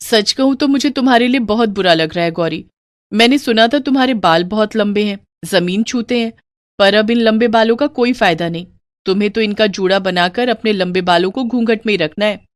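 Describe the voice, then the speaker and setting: A woman's voice: medium pitch, a little fast, no echo, natural voice. A woman voicing a young elder sister-in-law in a cartoon story, who teases with false sympathy. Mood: mock pity.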